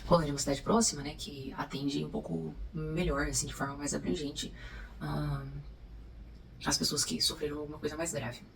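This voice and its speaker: A Brazilian woman calmly recalling events in a reflective way. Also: deep voice, moderate pace, gravelly, far from the mic, a little hiss or hum, poor audio. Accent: Brazilian Portuguese. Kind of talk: personal storytelling.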